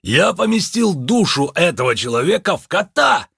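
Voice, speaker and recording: A man voicing an excitable, eccentric male mystic in an audiobook, with a high, theatrical, husky voice. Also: normal speed, dry recording, studio quality, heavily acted. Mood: delighted. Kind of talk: audiobook character voice.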